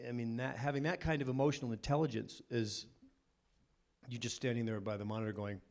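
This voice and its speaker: A man's voice: medium pitch, fairly even intonation, fairly quick, vocal fry, darkish tone. Candid man telling set stories. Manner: candid, storytelling, frank. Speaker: panelist. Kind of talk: anecdotal panel talk. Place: cinema cafe panel.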